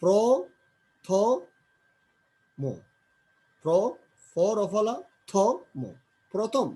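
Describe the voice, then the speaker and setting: Slow, husky man teaching word pronunciation. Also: high-pitched, expressive, a little mellow. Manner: repeats example words and asks himself questions. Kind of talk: grammar lesson, slow drilling of word pronunciation.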